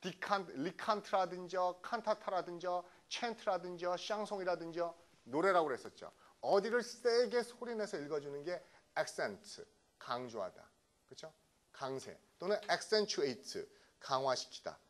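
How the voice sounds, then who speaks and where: A middle-aged man from South Korea giving a lively English vocabulary lecture, often checking in with his students. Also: high-pitched, a little slow. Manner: lively, keeps checking in with the class. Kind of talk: classroom lecture.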